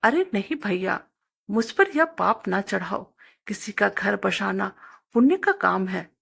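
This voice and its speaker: Woman doing a meek young village son, soft and yielding, slightly raised, gravelly edge, storybook. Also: mid-range voice, very animated, slow, heavily acted. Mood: pleading.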